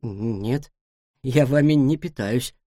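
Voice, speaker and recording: A woman voicing a reserved grown male cat in a storybook, answering quietly and briefly. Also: rumbling low, slow, no echo, clean studio sound, voice pushed down, exaggerated voice. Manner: quiet, short and reticent replies. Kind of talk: storybook reading.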